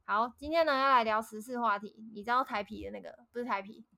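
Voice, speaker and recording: A woman podcast host with a Taiwanese Mandarin accent who talks quickly in a fairly high voice. She chats casually and tells a story at length, with plenty of fillers. Her delivery is loose and conversational. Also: gravelly, a crowd in the background. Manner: chatty, recounts a story at length with frequent fillers.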